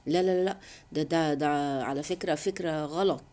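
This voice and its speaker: Fast-talking Egyptian woman giving pep talk. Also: low voice, warm tone. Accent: Egyptian Arabic. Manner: chatty and repetitive, many restarts and emphatic no's. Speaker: self-help vlogger. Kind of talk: casual motivational talk to women viewers.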